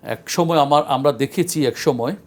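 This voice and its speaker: Man, earnest lecture, measured, pausing, studio religious discussion. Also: on the high side, a little mellow. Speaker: Islamic scholar guest.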